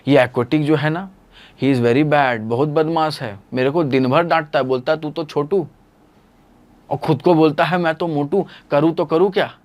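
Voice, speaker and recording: A man's voice: fairly high pitch, fairly even intonation, moderate pace, lightly acted. Man doing a whiny little land ecosystem. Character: small put-upon male land ecosystem, whiny.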